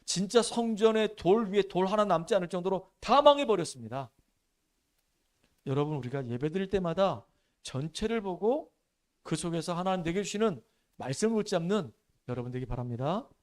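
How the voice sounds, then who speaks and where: A man preaching a sermon in church, telling the story in an animated, emphatic way and dropping his voice low for solemn points. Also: normal speed. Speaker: pastor.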